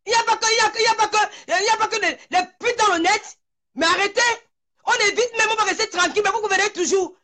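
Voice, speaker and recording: A woman's voice: very high-pitched, quick pace, sharp tone. A woman host on a live stream, scolding and confronting her critics in an angry rant.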